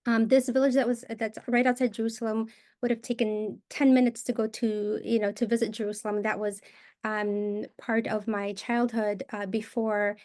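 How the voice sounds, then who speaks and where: A woman from Palestine whose first language is Arabic, recalling her childhood in a hesitant, reflective way with many pauses. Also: on the high side, flat delivery, darkish tone. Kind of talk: reflective personal account.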